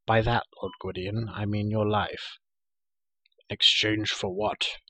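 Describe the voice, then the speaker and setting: A man voicing a proud, cruel sorceress queen in an audiobook reading, silky and coaxing, turning shrill when enraged. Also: little pitch movement, slow, bright, forceful tone, no echo, heavily acted. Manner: silky, then shrill and raging.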